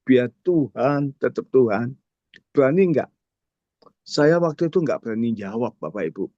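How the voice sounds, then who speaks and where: A man's voice: medium pitch, animated, moderate pace, darkish tone, no room sound. A man, telling a story as a testimony at a prayer fellowship, speaking directly to the congregation. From Indonesia. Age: 60s. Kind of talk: sermon testimony. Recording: dull dry sound.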